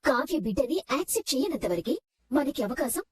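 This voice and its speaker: A woman's voice: high-pitched, animated, a little fast. A woman playing a frustrated younger sister who complains in an agitated way. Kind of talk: Telugu TV serial acting.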